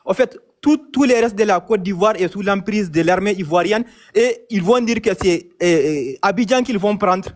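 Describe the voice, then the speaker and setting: Malian man calling in, high pitched voice, insistent, keeps repeating himself. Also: moderate pace, few pauses. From Mali. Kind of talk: casual chat, phone-in debate.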